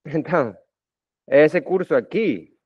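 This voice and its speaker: A man's voice: on the high side, animated, slow pace, husky, dry recording. Colombian man lecturing students, lo-fi. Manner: talkative, addresses students informally with frequent tag questions. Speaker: math lecturer. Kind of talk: recorded video lecture. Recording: dull lo-fi dry sound.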